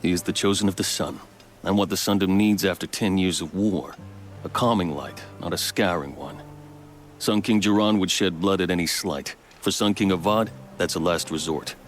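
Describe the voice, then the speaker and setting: An actor playing a proud, measured male captain and veteran soldier. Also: sits low, soft background music, natural voice. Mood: proud steady.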